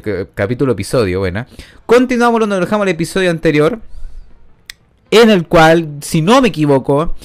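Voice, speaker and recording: A man, giving rambling, self-mocking gameplay commentary into a studio microphone. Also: on the high side. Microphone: new studio microphone.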